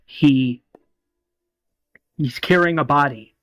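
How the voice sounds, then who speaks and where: A man's voice: a little high, takes it slowly, a bit bright, no echo. A man casually retelling a fan series episode scene by scene, rambling with restarts and acting out quoted lines. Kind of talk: casual spoken retelling of a story.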